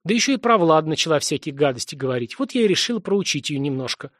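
A man's voice: fairly high pitch, big pitch swings, fast, no echo, clean studio sound. A man reading the part of a sulky, mischievous young granddaughter who pouts and hisses defensively. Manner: pouting, defensive, hissing.

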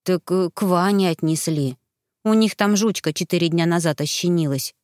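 A woman voicing a sick, earnest young boy who sounds hoarse and talks slowly in a storybook reading. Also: on the low side, darkish tone, dry recording, studio quality, natural voice. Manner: slow, reluctant, earnest.

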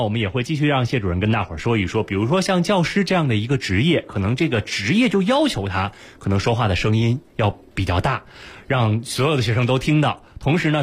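Fast, lively radio health show host. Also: male voice, mid-range voice, breathy edge. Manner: fast, lively announcer delivery. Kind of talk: radio call-in show hosting. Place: radio studio. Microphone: studio microphone.

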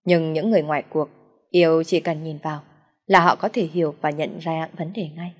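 A woman narrating a first-person story in a sad, steady reading voice. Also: deep voice, normal speed, long reverb tail.

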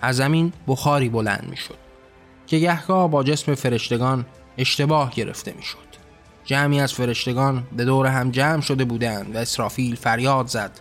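A man narrating a novel as its author, in measured, scripted storytelling. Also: medium pitch, faint music behind.

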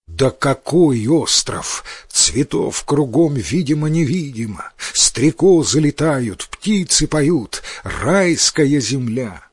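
A man reading a fairy tale aloud in a dramatic, expressive storytelling voice. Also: medium pitch, breathy edge, dry recording, studio quality. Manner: dramatic, lively.

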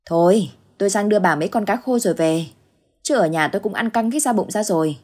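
A woman voicing a boisterous elderly village neighbor in an audio ghost story, speaking in a hearty, loud manner with a husky voice. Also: mid-range voice, expressive, fast talker, natural voice.

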